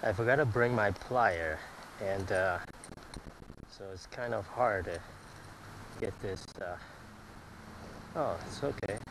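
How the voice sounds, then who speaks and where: A man filming himself fishing, talking in a halting way with many fillers and repeated words, recorded outdoors on a head-mounted camera. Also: on the low side, noisy background. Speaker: angler filming his catch. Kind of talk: casual fishing vlog narration. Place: outdoors at a pond bank. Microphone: head-mounted action camera.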